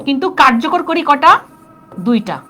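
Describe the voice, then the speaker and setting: A woman's voice: high voice, sing-song, normal speed, pushed and bright. A woman teaching a live online class, chatty and constantly quizzing her students. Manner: chatty, keeps asking students questions.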